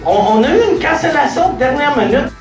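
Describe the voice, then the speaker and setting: A Quebec French man with a very lively, high voice hosts a live comedy podcast in halting bursts. He sounds roomy and distant, with music clearly over him. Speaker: show host introducing guests.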